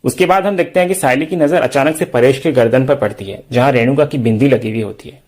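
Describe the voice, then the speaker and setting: A man's voice: mid-range voice, fast, a little mellow. A man hosting a TV serial review, retelling an episode scene by scene in a storytelling way. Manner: storytelling recap, reads out dialogue.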